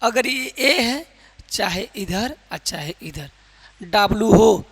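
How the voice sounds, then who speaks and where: A man teaching English pronunciation in a loud, emphatic classroom manner, quizzing his viewers with repeated questions. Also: sits high, expressive, takes it slowly, creaky, slightly rough, in a large hall. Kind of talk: classroom lesson in Hindi with some English.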